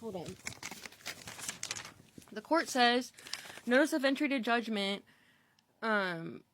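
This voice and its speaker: A woman's voice: a little high, lively intonation, takes it slowly, a bit bright, a little hiss or hum. A woman talking to the camera in an exasperated, rambling way about an eviction on her record. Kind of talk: casual vlog confession.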